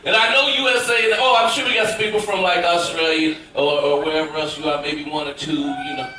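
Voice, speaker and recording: A man from Memphis, doing loud, playful stand-up crowd work live on a cruise ship stage. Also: a little high, steady tone, fairly quick. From Memphis, Tennessee, US. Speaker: stand-up comedian. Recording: echoey live theater from far off, loud crowd.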